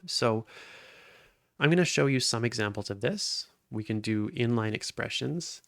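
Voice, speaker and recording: A man's voice: mid-range voice, animated, measured pace, creaky, no echo, clean studio sound. A man giving a step-by-step lesson while recording his screen, explaining each step plainly. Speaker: instructor. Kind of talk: screen-recorded coding tutorial.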